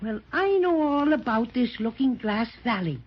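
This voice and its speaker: A performer voicing a cheerful, protective little cinnamon teddy bear who reassures the children and is bossy toward the stork, in a 1930s radio drama. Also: female voice, fairly high pitch, animated, normal speed, husky. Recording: dull old 1930s radio transcription.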